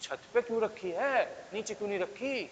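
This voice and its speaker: A man's voice: sits high, normal speed. A male physics teacher lecturing a class, coaxing students with constant questions and asking for yes or no answers. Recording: dull sound with long reverb.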